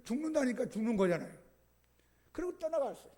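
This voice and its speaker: High-voiced pastor preaching emphatically. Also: male voice, sing-song, quick pace. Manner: emphatic preaching, sharp swings in loudness. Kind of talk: sermon. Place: church sanctuary.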